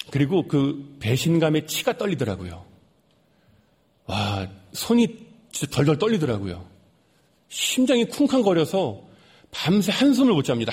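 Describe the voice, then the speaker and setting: A young man giving an earnest sermon testimony, repeating lines for emphasis and dropping soft at sad moments. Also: on the high side, husky.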